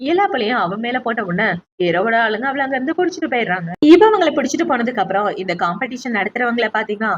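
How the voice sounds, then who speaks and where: A woman narrating a drama recap as a story, briskly retelling each scene and speaking the characters' lines herself. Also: fairly high pitch, big pitch swings, dull audio.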